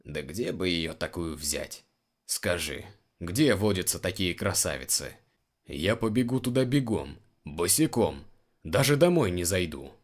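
A man's voice: sits low, sing-song, a little slow, heavily acted. A man reading the lines of a rueful, bluff male guard in his own voice. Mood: smitten.

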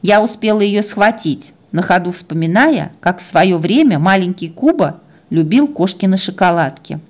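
A woman's voice: on the low side, lively intonation, moderate pace. A woman narrating a story in a wry, chatty way.

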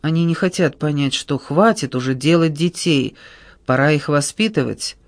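A man narrating a novel as an audiobook in an even storytelling manner. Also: fairly high pitch, normal speed, dry recording.

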